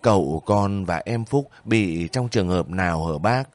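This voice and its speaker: A man's voice: sits low, unhurried, no room sound. A man voicing a young soldier on leave who pleads and questions anxiously in a spoken story. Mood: faint. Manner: anxious, breaking voice.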